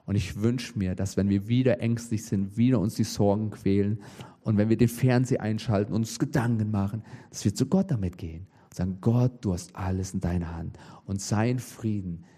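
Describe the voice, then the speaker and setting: A man preaching a sermon, with lively emphasis and frequent rhetorical questions to the congregation. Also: lowish voice, fairly quick.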